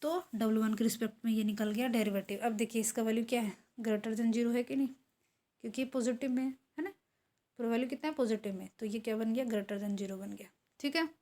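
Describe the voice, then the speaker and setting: Woman lecturer, lesson, mellow tone, fairly high voice, talks through each step. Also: steady tone, a little fast. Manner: talks while writing, asks and answers own questions. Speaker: economics teacher.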